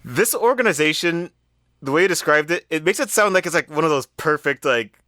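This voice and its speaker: A man's voice: on the high side, expressive, fairly quick, bright, forceful tone, no echo, clean studio sound. A man on a podcast panel, riffing casually with wry, wordy, absurd exaggeration.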